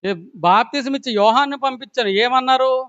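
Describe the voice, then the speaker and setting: High-voiced Telugu-accented preacher. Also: male voice, fairly quick, fairly bright tone, no room sound, dull audio. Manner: asks the congregation questions, polite repeated "andi". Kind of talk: sermon.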